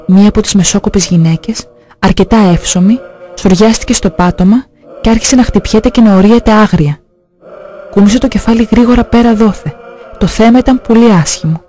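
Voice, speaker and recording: A man slowly and solemnly reading out religious testimonies. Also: high-pitched, mellow, faint music behind.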